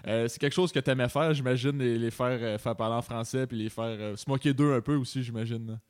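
A man's voice: mid-range voice, steady tone, brisk, darkish tone, clean tone. A man with a Quebec accent co-hosting an interview, asking questions hesitantly with many fillers. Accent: Quebec French. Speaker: co-host. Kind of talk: casual interview chat.

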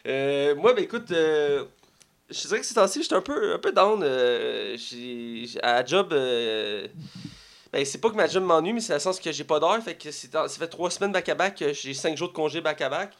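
Young male podcast co-host, Québécois accent, higher voice, rambling joker. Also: animated, normal speed. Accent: Québécois French. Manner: joking, rambling, frequent fillers. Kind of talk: casual chat.

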